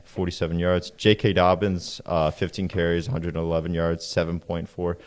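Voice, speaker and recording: A young man with a very low voice talks football in a loose, casual chat. He rattles off stats and filler words, and his voice now and then cracks. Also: level tone, normal speed, clean tone. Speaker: co-host.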